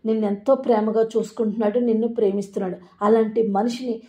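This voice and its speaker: A woman's voice: on the high side, fairly even intonation, quick pace, mellow, highs cut off, natural voice. A woman voicing an angry young wife who confronts her mother-in-law with accusing questions. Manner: accusing, reproachful.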